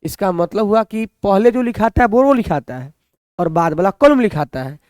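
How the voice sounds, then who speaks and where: A man's voice: high-pitched, animated, normal speed, darkish tone, no echo, studio quality. A man teaching a maths lesson, who keeps asking the students questions and answering them himself.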